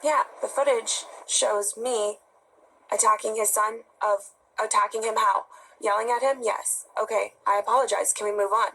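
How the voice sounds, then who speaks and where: A woman in her twenties being interviewed on television, answering in a halting, defensive way. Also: mid-range voice, fairly even intonation, a bit bright, breathy edge, low-quality recording. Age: 20s. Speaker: interview guest. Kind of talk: broadcast news interview.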